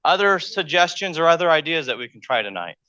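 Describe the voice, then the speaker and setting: A man lectures to a college audience in a relaxed, conversational way, often repeating a word as he gathers his thoughts. His voice is bright and pointed, and the sound comes through dull and lo-fi, with little room echo. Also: a little high, fast talker. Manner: conversational, thinks aloud, repeats words. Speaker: math lecturer. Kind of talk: public lecture. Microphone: handheld mic.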